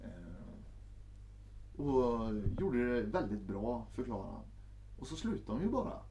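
A man's voice: mid-range voice, slight background noise. A man telling a story in a casual chat and acting out the people in it. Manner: animated, acts out every character.

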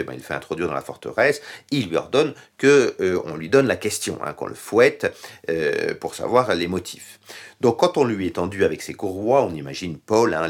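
Deep-voiced man teaching Bible study. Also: breathy edge. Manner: hesitant, many fillers and restarts.

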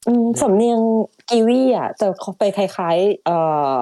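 A woman's voice: mid-range voice, unhurried, dark tone, dry recording. A woman co-hosting an interview, playful and teasing in casual chat. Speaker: co-host.

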